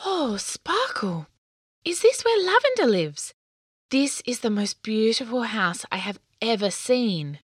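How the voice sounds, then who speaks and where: A woman voicing a cheerful, curious young girl in a storybook, speaking brightly and eagerly. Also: high voice, huge pitch swings, fairly quick, hardly any pauses, no room sound, clean studio sound, voice pushed up. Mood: delighted.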